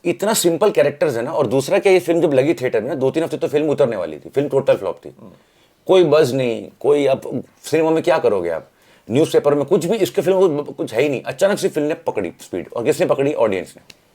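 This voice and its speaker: A man from the film industry, appearing as an interview guest, tells stories in a casual, animated way. His voice is on the high side, sing-song and dark in tone, and he talks fast. He explains things with rhetorical questions and acted-out examples.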